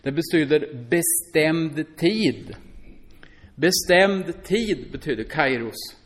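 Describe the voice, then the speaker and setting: A man preaching a sermon, reading scripture aloud and commenting on it in a chatty way, often asking his listeners "va?". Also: a little high. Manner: lively, swings from loud exclamations to hushed asides.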